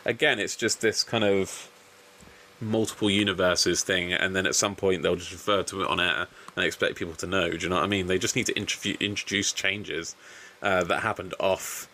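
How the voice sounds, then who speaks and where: Host, male, lowish bright voice, casual and profane, rambles through recaps. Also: fairly even intonation, fairly quick, slight background noise. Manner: swearing, rambling, frustrated asides. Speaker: podcast host. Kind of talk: casual wrestling recap chat.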